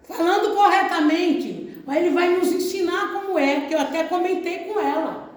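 High-voiced woman pastor preaching in an echoey church. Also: normal speed. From Brazil. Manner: emphatic preaching, repeating phrases, calling out amen. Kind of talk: sermon. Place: church service.

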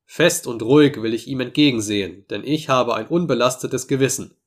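A man reading a story voices an old, weather-hardened first officer who speaks firmly and calmly. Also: medium pitch, a little fast, lightly acted. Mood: resolute. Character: steady old first officer, calm and resolute.

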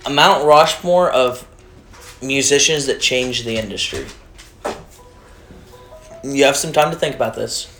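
A man's voice: medium pitch, a little slow, long pauses, pushed and bright. A man hosting a casual group debate, whistling on his S sounds as he talks. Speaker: podcast host posing questions to a group. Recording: roomy echo, faint music behind.

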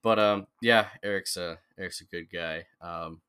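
A young man with a low voice chats on a podcast as the guest. His tone has a bright, forceful edge, and he rambles through his memories with plenty of fillers and restarts. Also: a little slow, clear, resonant tone. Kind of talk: casual chat.

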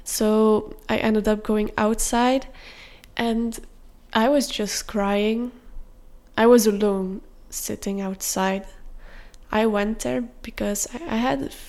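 A young woman hosting a podcast and telling a personal story in a candid, confessional way, with soft fillers. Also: medium pitch, fairly even intonation, takes it slowly. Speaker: podcast host.

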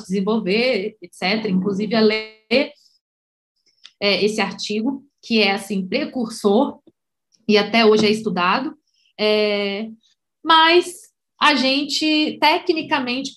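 A woman's voice: mid-range voice, a bit bright. A woman explaining a topic on a live stream, talking loosely with many fillers and restarts. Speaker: course coordinator.

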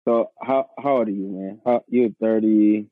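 A man's voice: on the low side, normal speed, no room sound. A man in his thirties, a pastor, telling his story in earnest, casual conversation, often repeating his words and calling the host man or bro. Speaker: pastor, podcast guest. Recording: tinny phone-line sound.

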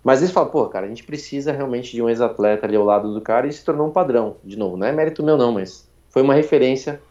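A Brazilian man in his forties, a former racing driver telling his story as a podcast guest, talking quickly through a nearly closed mouth with little intonation. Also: medium pitch, a little mellow. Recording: dull lo-fi sound.

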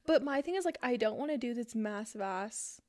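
A woman's voice: fairly high pitch, lively intonation, brisk, a little mellow. A woman in her twenties co-hosting a podcast, chatting candidly and hesitantly, swearing freely. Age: 20s. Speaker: podcast co-host. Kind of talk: casual chat.

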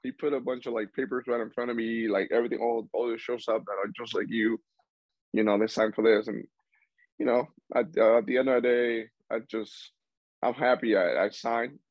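A man's voice: medium pitch, steady tone, a little fast, dry recording, muffled recording. A young man from Cuba, a baseball player chatting as an interview guest, rambling with restarts. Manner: rambling with frequent restarts and laughs. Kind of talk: casual interview chat.

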